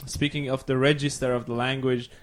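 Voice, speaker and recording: A young Iranian man whose first language is Farsi chats casually as a podcast guest, searching for his words in English. His mid-range voice is flat in delivery and a little fast.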